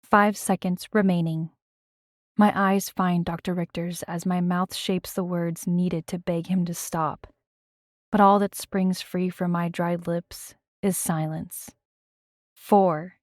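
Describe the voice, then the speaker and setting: A woman with a fairly low voice reads a first-person audiobook, and her telling is tense and dramatic. The recording is dry and close to the mic, with no room sound at all. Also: little pitch movement, a little slow, no room sound. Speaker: audiobook narrator.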